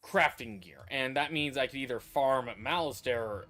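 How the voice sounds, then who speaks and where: A man's voice: medium pitch, normal speed, fairly bright tone, faint music behind. A man streams a video game and muses aloud as he plays. His casual talk wanders and trails off into restarts, in an ordinary mid-range voice. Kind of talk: casual livestream commentary.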